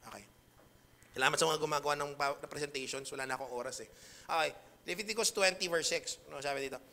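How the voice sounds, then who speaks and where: Pastor, male, high bright voice, casual joking sermon delivery, tells stories. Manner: chatty, joking storyteller, mixing in English. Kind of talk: conversational sermon.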